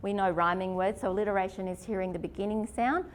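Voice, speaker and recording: Running an informal literacy workshop, this teacher talks fast in a mid-range voice, keeping it chatty by questioning her audience and tagging on frequent "okay?" and "isn't it?" checks. A little hiss or hum can be heard.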